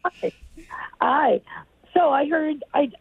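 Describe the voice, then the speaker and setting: A woman's voice: sits high, lively intonation, slow pace, vocal fry, no room sound. A woman calling in to a radio trivia show, polite and a little hesitant, over a phone line. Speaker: caller. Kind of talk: casual phone call.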